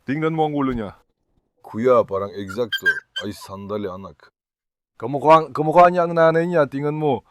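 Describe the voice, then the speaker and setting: A man's voice: medium pitch, animated, moderate pace. A man vlogging about his pets, talking casually to the camera and coaxing his dogs. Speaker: pet vlogger. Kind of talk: casual vlog narration to the camera.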